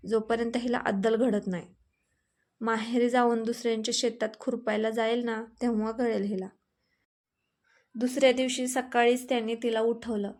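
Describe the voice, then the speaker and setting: Woman narrating a story in a flat tone. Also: on the high side.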